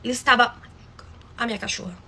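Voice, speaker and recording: A woman's voice: on the high side, fast, sharp tone, slightly rough. A woman telling a story in a chatty, dramatic way, often calling out to her listeners. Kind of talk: casual storytime.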